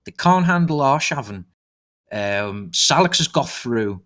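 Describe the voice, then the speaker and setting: Excitable male esports play-by-play commentator. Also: mid-range voice. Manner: excitable, rapid, rises sharply on goals. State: slightly out of breath.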